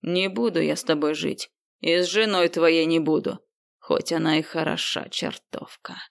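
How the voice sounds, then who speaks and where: A woman's voice: low voice, steady tone, normal speed, vocal fry. A woman voicing a spoiled, capricious male pop singer who talks in a whiny way. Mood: grumbling.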